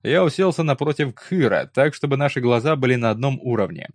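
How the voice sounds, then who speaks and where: A man narrating a first-person fantasy audiobook in a measured, steady storytelling manner. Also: medium pitch, no room sound, studio quality.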